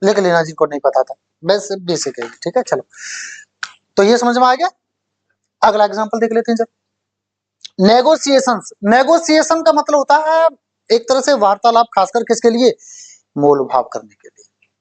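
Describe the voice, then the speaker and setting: A male English teacher giving a classroom lecture for exam prep. He explains slowly, repeats key words and keeps quizzing the class. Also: very high-pitched, big pitch swings. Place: coaching classroom.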